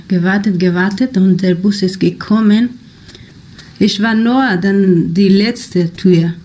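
A young woman from Afghanistan, a non-native speaker, telling her own experiences in an interview in halting German with many pauses and fillers. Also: mid-range voice, warm tone. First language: not German. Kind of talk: personal storytelling in an interview.

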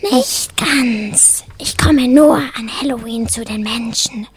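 A woman voicing a friendly female witch in a radio play, whispering in a breathy voice. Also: fairly high pitch, slow, no room sound, full character voice. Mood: mysterious. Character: whispering female witch who welcomes visitors.

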